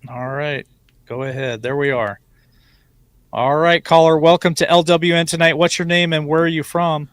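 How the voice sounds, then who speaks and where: A man's voice: fairly high pitch, steady tone, a bit bright, no room sound. Man hosting a call-in show. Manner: brisk, takes calls. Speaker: host.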